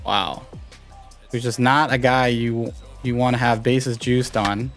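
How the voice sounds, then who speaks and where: A young gaming YouTuber with a mid-range voice speaks slowly while giving live commentary on a baseball video game he's playing. He's excitable, talks to his viewers and reacts loudly to every play, with faint music behind him.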